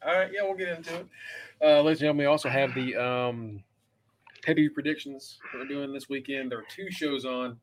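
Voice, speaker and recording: A man's voice: mid-range voice, a little fast, slight background noise. A man co-hosting a podcast in casual, teasing banter, informal and prone to swearing. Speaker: podcast producer and co-host.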